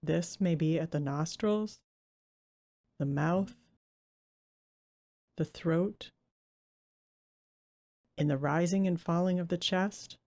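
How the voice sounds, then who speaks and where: Here a woman leads a meditation in an unhurried, gentle way, pausing generously. Her tone sits on the lower side and is very soft around the edges.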